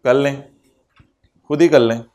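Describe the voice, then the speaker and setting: A man's voice: mid-range voice, fairly even intonation, a little slow, mellow. A man lecturing an accountancy class, teasing his students and dropping English terms into his explanation. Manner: code-switches into English terms.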